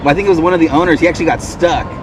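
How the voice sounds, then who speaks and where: A man's voice: fairly high pitch, a loud crowd. A man chatting casually and informally on a rafting trip, often dropping in "like". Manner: informal, frequent "like". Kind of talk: casual chat, anecdotes. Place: outdoors in a raft on a river. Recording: noisy outdoor action-camera audio, rushing water.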